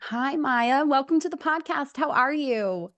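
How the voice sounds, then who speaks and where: Loud music plays behind a business podcast host, a woman with a high voice who speaks unhurriedly. Friendly and affirming, she introduces her guest and asks questions in the interview.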